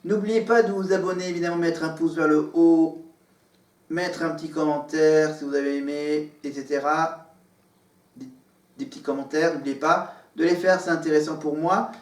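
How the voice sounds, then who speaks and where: A man's voice: a little high, steady tone, normal speed. A man vlogging from his living room, talking to the camera in a meandering way with many fillers and restarts. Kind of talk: rambling casual monologue to camera. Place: living room at home, in front of a green screen. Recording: echoey room, far from the mic.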